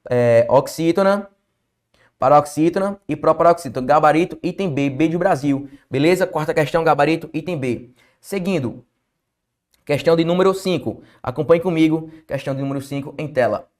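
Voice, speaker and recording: A man's voice: on the high side, fairly quick, a little mellow. A man teaching a Brazilian Portuguese exam-prep lesson, emphatic, asking questions and answering them himself. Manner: emphatic, asks and answers his own questions.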